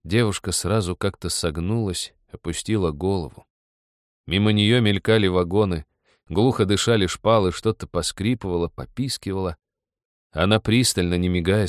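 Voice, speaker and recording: A man narrating a literary short story in a measured, calm reading. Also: sits low, dry recording, studio quality.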